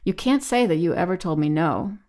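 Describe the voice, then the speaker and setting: A woman's voice: fairly low pitch, animated, brisk, darkish tone, lightly acted. Woman voicing a smug patronizing man. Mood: condescending. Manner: patronizing, falsely soothing. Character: smug condescending man, turns panicked.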